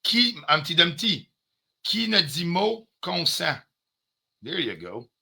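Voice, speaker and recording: A man's voice: a little high, big pitch swings, slow pace, creaky, sharp tone, husky. A man with a Quebec French accent ranting on a live stream, confrontational and heated, swearing often and dropping in English phrases. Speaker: livestreamer.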